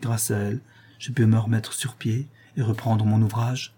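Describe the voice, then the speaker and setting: A man voicing a poor, ill young laundress in a hospice, telling her troubles in a soft, plaintive way. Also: on the low side, little pitch movement, moderate pace, slightly rough.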